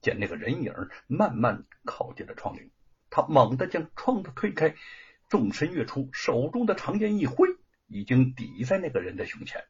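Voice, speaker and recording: A man narrating a classical story in an expressive, theatrical storytelling style. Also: on the high side, moderate pace, slightly rough. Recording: dull lo-fi recording.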